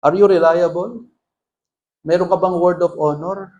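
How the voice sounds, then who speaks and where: With a notably high-pitched, steady, slightly mellow voice, a pastor preaches unhurriedly and with earnest emphasis, mixing Tagalog and English and repeatedly asking rhetorical questions. The highs are cut off.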